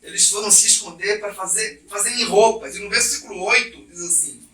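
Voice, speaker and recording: A male pastor from Brazil preaching an impassioned sermon, swinging from quiet to loud. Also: high voice, a little fast, distant mic, crowd noise. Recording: echoey church heard from off mic.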